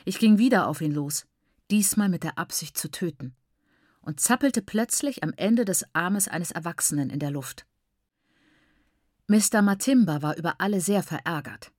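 Brief: woman narrator, lowish voice, expressive audiobook reading, dry studio. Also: moderate pace, dry recording. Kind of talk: scripted first-person narration.

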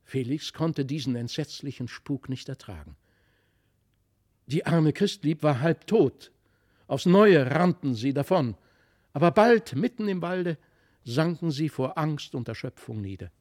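A man narrating an old fairy tale as an audiobook, reading in an expressive, dramatic way. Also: fairly high pitch, a little slow, dry recording, clean studio sound.

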